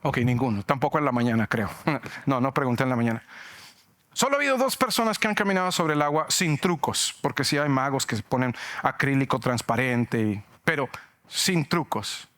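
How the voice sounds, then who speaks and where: A male pastor preaching a sermon, animated and joking, acting out shouts from the story. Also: medium pitch, a little fast. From Mexico.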